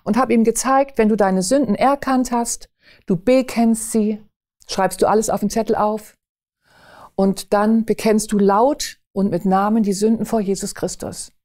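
A woman recounting a personal faith testimony in an earnest, emphatic way, slowing down on key phrases. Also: medium pitch, fairly even intonation, dark tone.

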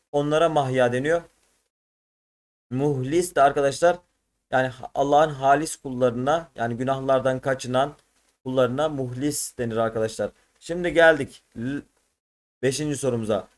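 A male teacher with a somewhat high voice walks young pupils through test questions one by one. He explains patiently and slips into recited verses. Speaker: religion teacher. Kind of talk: exam prep lesson for schoolchildren.

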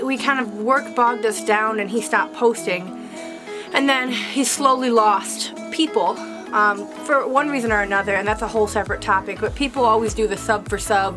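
A young woman vlogging on a winter hike in the woods, talking chattily to a handheld camera with lots of fillers. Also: mid-range voice. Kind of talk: casual vlog talk to camera.

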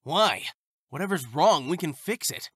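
A man's voice: fairly high pitch, animated, measured pace, fairly bright tone, slightly rough, no echo, studio quality, full character voice. A man voicing a cocky, easygoing young hedgehog hero with a breezy, teasing delivery in a comic dub. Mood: breezy, confident. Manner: breezy, teasing, self-assured. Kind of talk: amateur comic dub acting. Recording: music behind the voice.

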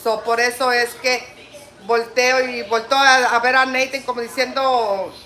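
Older grandmother hosting a livestream; firm, lecturing delivery; bright, slightly high voice. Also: steady tone, measured pace. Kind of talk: casual livestream chat.

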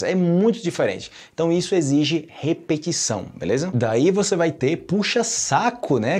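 A man with a Brazilian Portuguese accent teaching a casual online Portuguese lesson, chatty and relaxed, tagging sentences with "né?" and "ok?". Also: medium pitch. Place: Medellín, Colombia.

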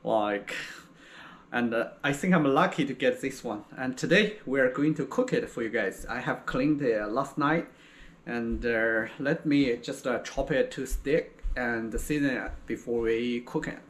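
A middle-aged man vlogging about fishing, talking plainly with many pauses and fillers. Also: mid-range voice. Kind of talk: casual vlog narration. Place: on a windy rainy ocean jetty, then a home kitchen. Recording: windy outdoor noise, rough ambience.

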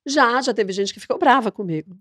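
A woman TV presenter talks as a podcast guest. She speaks quickly in a slightly high voice and tells her anecdotes with lively energy, acting out every voice. The sound is dry and close. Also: dry recording. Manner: lively storyteller, acts out dialogue. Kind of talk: casual interview chat.

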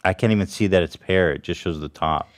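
A man's voice: deep voice, fast talker. A man co-hosting a podcast in casual chat, incredulous and sarcastic, swearing freely. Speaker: podcast co-host.

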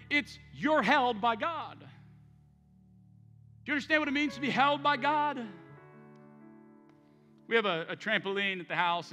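Male pastor, 30s, high bright voice, passionate storytelling preacher in a reverberant sanctuary. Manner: impassioned, emphatic preaching with storytelling. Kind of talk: sermon. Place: large church sanctuary. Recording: church hall reverb with soft music.

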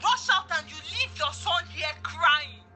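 A woman's voice: high-pitched, expressive, measured pace. An actress playing an angry, threatening Nigerian mother in a film, scolding indignantly. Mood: furious. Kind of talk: film drama acting. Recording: loud music behind.

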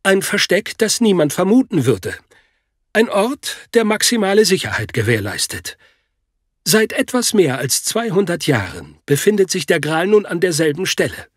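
A man plays a gentle keeper of an old secret in an audiobook drama. He speaks mildly, with a lively rise and fall and a slightly husky tone, dry and close. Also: sits high, normal speed, no room sound. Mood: calm. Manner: mild and explanatory. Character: adult male guardian of a secret, calm and gentle.

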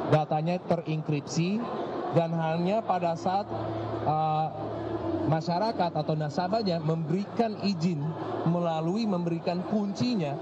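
A middle-aged man explains things into a handheld mic and pauses with fillers. Loud event noise surrounds him, and the sound is slightly dull. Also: a little high. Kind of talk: interview answer. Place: expo booth area. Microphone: handheld mic held near his mouth. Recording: dull, noisy event recording.

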